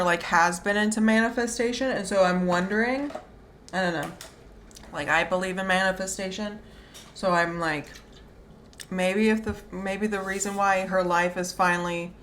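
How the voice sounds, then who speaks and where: A woman's voice: lowish voice, a bit bright. A woman chatting casually in a rambling, offhand, wry way, with a slight whistle on her S sounds. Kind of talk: casual chat. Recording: clear background noise.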